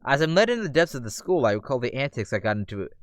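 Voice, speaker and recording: Chatty male streamer, lively. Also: mid-range voice, rapid-fire, smooth, no echo, clean studio sound. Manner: chatty, rambling, lots of "like". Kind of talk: casual let's-play commentary.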